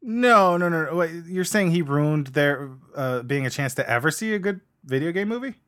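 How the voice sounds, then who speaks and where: A man hosting a casual gaming podcast, talking in an animated, opinionated way and often restarting his phrases. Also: fairly high pitch, normal speed. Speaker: podcast host.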